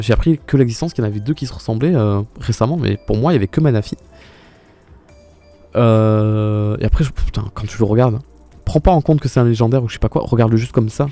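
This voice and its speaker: A man's voice: medium pitch, warm tone. A young man streaming live in casual commentary, exclaiming often and talking back to his viewers' chat.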